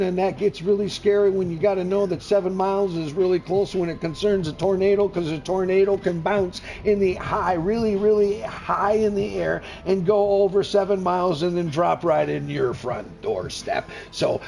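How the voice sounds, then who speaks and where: A man's voice: high voice, moderate pace, gravelly, few pauses, a little mellow, slight background noise. A middle-aged man streaming a game, rambling in a folksy, effusively friendly way and repeating himself. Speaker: gaming streamer. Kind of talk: casual live gameplay commentary.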